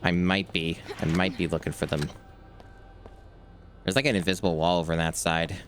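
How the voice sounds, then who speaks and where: A man's voice: low-pitched, moderate pace, a little hiss or hum. A man streaming a video game, chatting casually and easily as he plays. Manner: relaxed, easygoing. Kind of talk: casual gameplay chat.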